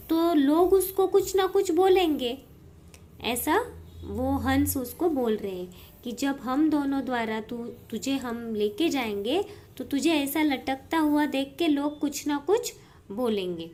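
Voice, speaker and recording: High-voiced, slow-paced woman teacher. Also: a little mellow. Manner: reads each Sanskrit line, then explains it in simple terms. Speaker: Sanskrit teacher. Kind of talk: explaining a textbook lesson line by line.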